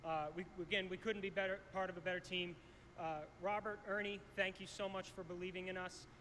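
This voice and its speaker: A man giving a halting, grateful acceptance speech full of fillers. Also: high voice, flat delivery, bright, forceful tone. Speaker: game studio award winner. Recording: echoey hall with faint noise, played from a broadcast.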